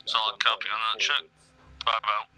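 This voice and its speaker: A man's voice: fairly low pitch, steady tone, brisk, pushed and bright, poor audio. A man making clipped, formal radio checks for a convoy, heard over a helmet radio. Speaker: convoy vehicle radio operator. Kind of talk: military radio procedure.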